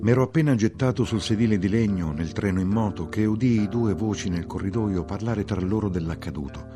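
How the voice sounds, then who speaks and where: A man reading a literary novel aloud as an audiobook narrator, measured and expressive. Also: on the low side, over music. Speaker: audiobook reader.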